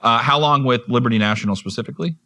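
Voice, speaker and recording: A man's voice: mid-range voice, racing, pushed and bright, no echo. A man hosting a podcast interview, chatty and encouraging toward his guest. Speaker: podcast host. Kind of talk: conversational interview.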